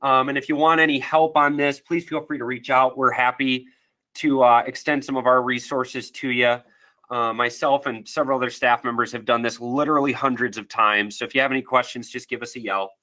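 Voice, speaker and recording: A man's voice: medium pitch, flat delivery, pushed and bright. Nasal-sounding man giving a webinar. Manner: casual, friendly, halting with fillers. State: nasal from allergies. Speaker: webinar presenter. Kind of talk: live webinar presentation.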